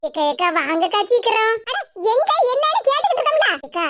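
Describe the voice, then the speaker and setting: A woman voicing a cheeky, greedy young village woman in a cartoon, in a high, squeaky voice. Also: sing-song, fast talker, heavy background noise. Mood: pleading. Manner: pleading, cheeky. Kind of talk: cartoon voice acting.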